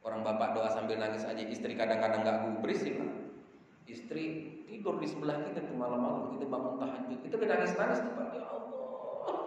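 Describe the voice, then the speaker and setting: A man's voice: medium pitch, quick pace. A man preaching a dawn sermon in a mosque, folksy and joking, speaking directly to his congregation. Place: large mosque hall. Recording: echoey hall, mic far off, faint room noise.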